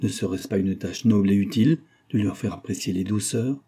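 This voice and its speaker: A headstrong, frivolous young society woman, proud and quick to defy, as a male reader voices her. Her voice is lifted above the reader's own, still dark and husky, in a storybook reading. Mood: spirited. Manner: raised pitch for young woman.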